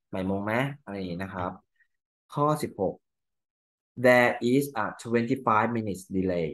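Thai man teaching English, low voice. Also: fairly bright tone. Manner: explains each answer in Thai, reads English lines slowly. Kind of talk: exam answer walkthrough.

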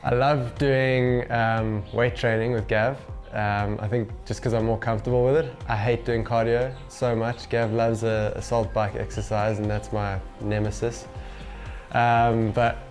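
In a small home gym room, a pro golfer in his twenties talks casually to camera for an interview, miked with a lapel mic over background music. His mid-range voice is a little mellow and level, and he speaks a little slowly.

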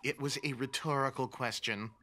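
A man's voice: mid-range voice, steady tone, moderate pace, close to an everyday voice. Salem, a man voicing a sarcastic cat. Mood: sardonic. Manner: sardonic, dramatic, wheedling. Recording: cartoon dialogue with music behind.

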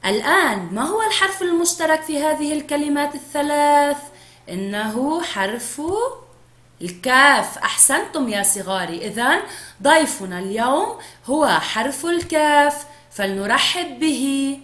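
A woman teacher giving a first-grade phonics lesson, speaking slowly and clearly to young children. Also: sits high, animated, a bit bright, echoey room. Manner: slow, clearly drawn-out speech to young children.

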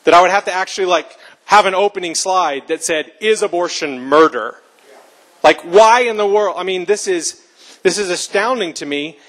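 A man's voice: high voice, fairly quick, fairly bright tone. Earnest man giving an emphatic speech. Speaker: speaker. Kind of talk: public speech. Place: live talk before an audience.

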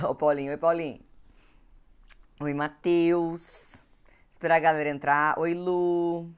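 This is a young woman from Brazil, a nutritionist with a cold, casually talking with her Instagram live audience and greeting them by name through a home recording setup. Her low-pitched voice is smooth and fairly even, and she takes her time.

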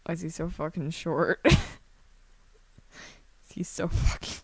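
Her voice sits low and husky with a steady tone and slow pace, captured in a dry recording. This young woman streamer chats casually during an indoor screen-share drawing livestream at her computer, rambling hesitantly with plenty of swearing and self-deprecation.

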